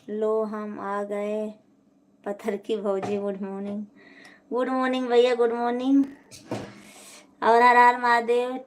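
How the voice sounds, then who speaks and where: A woman's voice: on the high side, background noise. A woman hosting a casual live stream from home, chatting and answering viewers' comments one by one.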